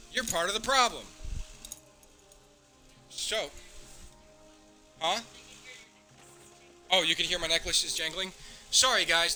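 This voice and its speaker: A man's voice: high voice, bright, forceful tone. A man streaming live, angrily reading out his messages and swearing at a rival. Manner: angry, profane, reads messages aloud. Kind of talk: heated livestream rant.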